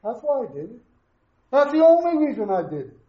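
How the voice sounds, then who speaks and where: High-pitched preacher speaking through a face mask. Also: male voice, big pitch swings, a little fast. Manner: emphatic, repetitive rhetorical questions and answers. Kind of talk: sermon. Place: echoey room, preaching to a congregation. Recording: roomy echo, slightly muffled sound.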